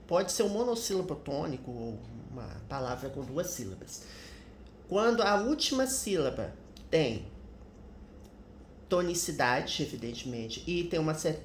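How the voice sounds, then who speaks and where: A Brazilian-accented man walks through English grammar examples at an unhurried, deliberate pace. His tone is patient and explanatory. The room echoes noticeably, and faint noise sits underneath. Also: on the high side. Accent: Brazilian Portuguese. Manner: patient, explanatory, tags sentences with "né?". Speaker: English teacher. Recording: roomy echo with faint background noise.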